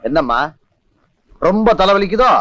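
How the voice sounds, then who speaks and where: An actor playing a stern village elder who insists the marriage will happen, in a 1980s film. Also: male voice, sits high, big pitch swings, normal speed. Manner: commanding, stern. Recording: dull film soundtrack with music.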